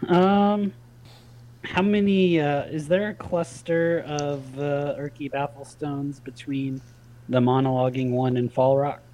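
A man's voice: on the high side, fairly even intonation, slow pace, mellow, dull audio. A man playing a tabletop game, thinking aloud with fillers. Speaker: player. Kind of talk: casual tabletop play.

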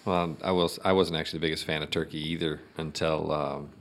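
A man's voice: a bass voice, steady tone, fast, a little hiss or hum. A man chatting casually, steadily explaining things. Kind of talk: casual chat.

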